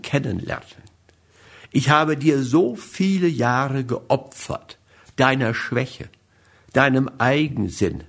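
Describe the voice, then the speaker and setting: A man reading the part of a weary, embittered wife who speaks in a low, exhausted voice.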